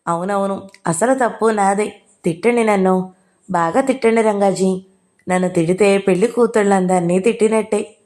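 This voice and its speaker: A woman's voice: medium pitch, moderate pace, a little mellow, close to an everyday voice. A woman voicing a timid, educated young bride who talks in a meek, apologetic way. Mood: sheepish.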